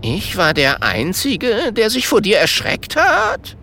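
A woman's voice: low-pitched, wildly swooping pitch, very slow, vocal fry, sharp tone, slight background noise, pitched above the performer's own voice, exaggerated voice. A woman voicing an indignant old male wizard who has been turned into a goat, speaking in a pompous, huffy way. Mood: astonished.

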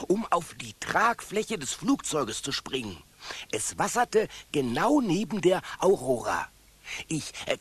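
A loyal little dog tells the story of a radio play. The voice is husky and pitched high with a lively lilt. It sounds dry and close. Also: male voice, no echo, full character voice.

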